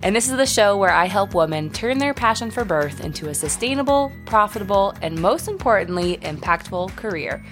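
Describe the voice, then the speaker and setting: A woman's voice: medium pitch, expressive, a little fast, hardly any pauses, soft background music. A woman hosting her own podcast at home, chatty and upbeat with lots of fillers, still getting over an illness and a little short of breath. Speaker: podcast host. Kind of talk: solo podcast monologue.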